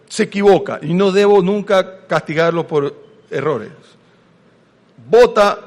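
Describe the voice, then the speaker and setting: A high-pitched man, preaching a sermon. He swings between loud emphasis and hushed asides and questions the congregation directly. His voice carries a long reverb from a large church hall. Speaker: pastor. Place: church sanctuary.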